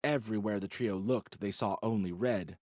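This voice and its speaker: A man narrating a science fiction audiobook in an even, measured way. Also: on the low side, dry recording, clean studio sound. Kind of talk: scripted narration.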